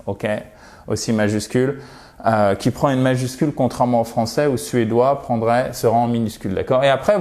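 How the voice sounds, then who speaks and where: Guy doing an english lesson on video, mid-pitched voice, chatty and lively, slows down hard on the english words. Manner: lively teacher, spells out English words slowly for pronunciation. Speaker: English teacher.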